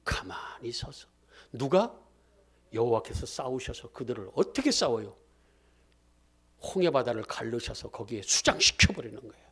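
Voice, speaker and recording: A man preaching a sermon as pastor, throwing questions at the congregation and answering them himself in a lively call-and-response style. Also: mid-range voice, normal speed, pauses often, husky.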